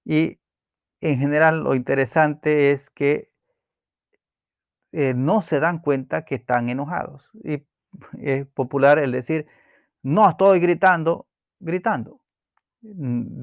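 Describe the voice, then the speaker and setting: A man calmly explaining a self-help book chapter, pausing with fillers and restarting words as he goes. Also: on the high side, vocal fry, dry recording, clean studio sound. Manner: calm, explanatory, with hesitations and repeated words.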